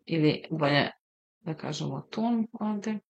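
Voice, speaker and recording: A woman teaches German at an unhurried, deliberate pace, her voice a touch low. She says each example sentence slowly and carefully, then explains it in a relaxed, conversational way. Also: vocal fry, dull audio. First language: Serbian. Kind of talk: slow, deliberate language lesson.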